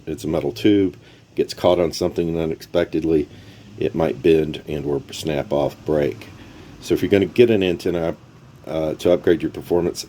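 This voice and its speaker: A man with an extremely low, mellow voice hosts an off-road radio gear overview, walking through the product in a casual, unscripted, plain-spoken and explanatory way. He films on a phone, so the camera audio is noisy.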